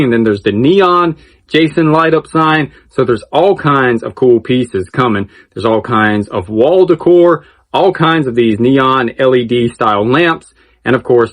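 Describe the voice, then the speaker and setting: A man's voice: mid-range voice, fairly bright tone. A man hosting a casual update video, chatty and enthusiastic, repeating phrases for emphasis. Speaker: video channel host. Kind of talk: casual news-update commentary.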